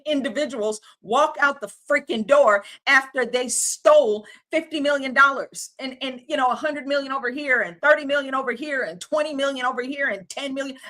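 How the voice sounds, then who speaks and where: A woman's voice: high voice, a little fast, hardly any pauses, sharp tone. A woman, hosting a livestream and ranting in an exasperated, casual, slangy way. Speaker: livestream host.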